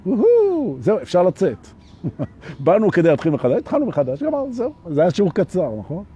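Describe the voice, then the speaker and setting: A man giving a live-streamed spiritual talk on anger, animated, who repeats phrases for emphasis and keeps asking his listeners "right?". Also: on the high side, dull audio, a little hiss or hum. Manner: acts out little everyday scenes. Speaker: spiritual teacher.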